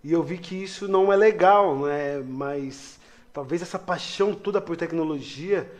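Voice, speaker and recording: A man's voice: a little high, normal speed. A man co-hosting a radio show, reading out listener messages and chatting in a friendly way. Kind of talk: casual radio chat.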